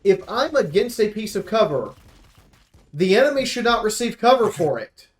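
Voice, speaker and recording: A man with a rather high voice covers a game preview in a sing-song way at normal speed. Casual like a streamer reviewing for viewers, he doesn't hold back, giving his opinions bluntly and emphatically.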